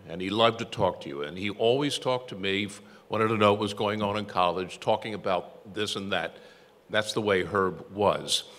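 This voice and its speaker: A man's voice: fairly low pitch, fairly bright tone. An older man giving an anecdotal tribute speech, telling stories with self-deprecating humor. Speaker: tribute speaker, former newsroom copy boy. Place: event hall. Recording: echoey hall with long reverb.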